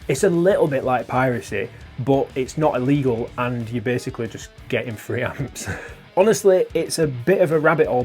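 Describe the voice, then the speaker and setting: A man's voice: mid-range voice, mellow. A young British man hosting a guitar channel, talking gear casually, swearing and laughing at his own jokes. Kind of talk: casual gear talk to camera.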